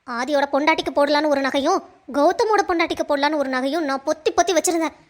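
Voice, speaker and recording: A woman's voice: high-pitched, rapid-fire, natural voice. A woman voicing a proud, scolding mother-in-law in a cartoon, lecturing sharply. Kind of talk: cartoon voice acting.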